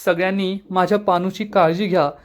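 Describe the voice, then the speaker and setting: A man's voice: sits high, steady tone, a little fast, natural voice. A man voicing a tearful, melodramatic young wife.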